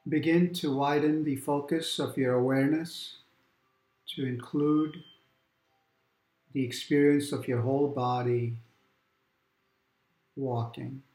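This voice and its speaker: Slow, calm man guiding a grounding meditation. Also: mid-range voice, roomy sound, poor audio. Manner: calm, unhurried, gently instructing with long pauses. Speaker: meditation guide. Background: quiet background music.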